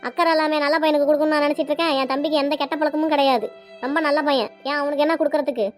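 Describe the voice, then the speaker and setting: A woman voicing a stubborn, sharp-tongued middle-aged mother in a cartoon, arguing defiantly in Tirunelveli Tamil. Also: high voice, steady tone, very fast, faint music behind, natural voice. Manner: argumentative, defiant. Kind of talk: cartoon dialogue.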